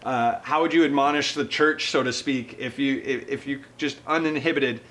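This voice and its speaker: An effusive man hosts a relaxed interview in a family's home. He gushes with enthusiasm and laughs often. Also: mid-range voice, normal speed. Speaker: host of a mission organization video. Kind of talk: casual interview. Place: guests' home.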